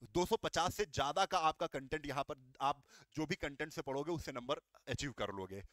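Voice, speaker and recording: A coaching teacher with a fairly high male voice gives an exam guidance talk at a normal pace. His tone is fairly bright and the recording has no room sound. He walks aspirants through the material step by step, poses questions and answers them himself, and calls his students "beta."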